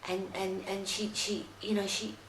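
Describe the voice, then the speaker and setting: A woman commenting on a video, halting and full of restarts. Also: mid-range voice, flat delivery, fairly bright tone, roomy sound, a little hiss or hum, poor audio. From Australia. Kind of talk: casual commentary.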